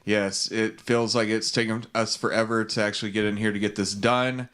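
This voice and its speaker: A man from Texas co-hosting a podcast and chatting casually in a relaxed, rambling way with plenty of fillers. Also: on the low side, normal speed. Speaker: podcast co-host. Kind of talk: casual chat. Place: home studio.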